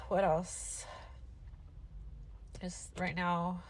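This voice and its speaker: Speaking extremely slowly in a level, low-leaning voice with a breathy edge, a young woman records a casual recovery vlog in a parked car, phone at arm's length. Sinus surgery has left her nasal and congested, and medication makes her drowsy and loopy.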